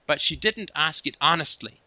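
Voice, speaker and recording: A man with a very bright, sharp voice hosts a relaxed but emphatic conversation. He keeps checking in with his listener, punctuating his points with "right?" as he builds an argument. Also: fairly high pitch, normal speed, no room sound. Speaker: host. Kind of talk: casual philosophical conversation.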